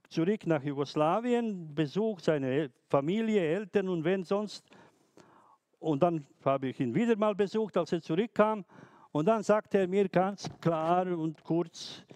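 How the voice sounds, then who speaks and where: A man who is not a native speaker, preaching a sermon slowly, with many restarts and hesitations. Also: on the high side, darkish tone, no room sound. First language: not German.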